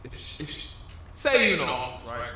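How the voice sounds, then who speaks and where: A man in a casual podcast chat rambles and keeps looping back over the same ideas. He speaks at a middling pitch. The room sounds echoey, with faint ambience behind him. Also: big pitch swings, normal speed, sharp tone, a little hiss or hum. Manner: rambling, loops back on himself. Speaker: podcast co-host.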